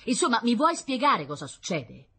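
A woman voicing an indignant middle-aged wife who scolds in a shrill voice. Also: wildly swooping pitch, moderate pace, pushed and bright, husky, soft background music, heavily acted.

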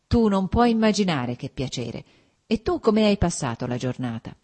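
A woman's voice: on the low side, sing-song, moderate pace, a little mellow. A woman reading aloud, voicing a cheerful young male landowner who speaks eagerly and in exclamations. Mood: exuberant.

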